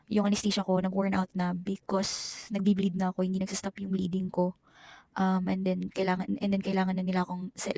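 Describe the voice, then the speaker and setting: Young woman vlogger, gravelly voice, dry close sound, emotional personal story. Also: mid-range voice, a little mellow, no room sound. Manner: emotional, Taglish code-switching, chatty asides.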